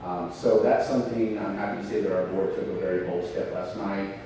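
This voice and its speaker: A man's voice: low voice, steady tone, fairly quick. A man from Austin, Texas, a school board trustee, speaking earnestly to a public forum with many fillers and restarts. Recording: echoey hall, mic far off, background noise.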